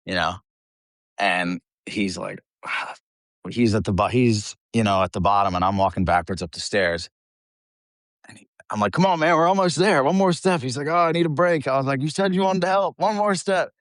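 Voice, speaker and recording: A metal band singer from eastern Pennsylvania chats casually as an interview guest, sharing anecdotes with blunt talk, slang and cursing. His mid-range voice is a bit bright, and the studio-quality recording is dry.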